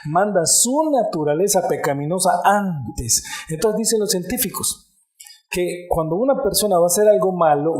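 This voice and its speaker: In a reverberant space, a pastor with a warm, high-sitting voice delivers a sermon. He says "amén" frequently and addresses his congregation directly.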